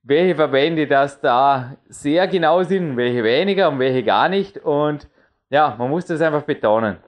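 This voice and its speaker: A man's voice: on the high side, expressive, measured pace. A man hosting a radio interview, asking leading questions and interjecting to clarify points. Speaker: podcast host and interviewer.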